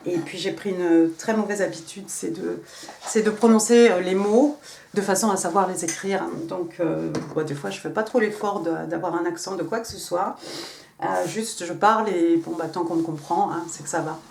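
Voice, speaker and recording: A woman's voice: fairly low pitch, normal speed, creaky, darkish tone, roomy sound, a little hiss or hum. A woman giving a casual tarot reading, chatty and rambling, thinking aloud with many fillers and slipping English card phrases into her French. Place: home in England.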